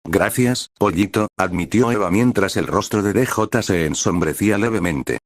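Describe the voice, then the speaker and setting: Male narrator, deep voice, dry close sound, even storybook reading. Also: moderate pace, dry recording. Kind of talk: reading a fan story aloud.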